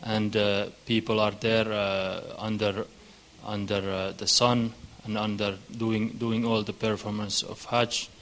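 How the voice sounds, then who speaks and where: A man speaking haltingly, with many fillers and restarts. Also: fairly low pitch, flat delivery, a bit bright, slight background noise.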